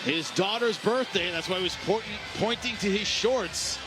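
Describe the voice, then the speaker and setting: A man's voice: high voice, moderate pace, over loud music. A man hosting live boxing commentary in emphatic, punchy short phrases. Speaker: boxing play-by-play commentator and broadcast host.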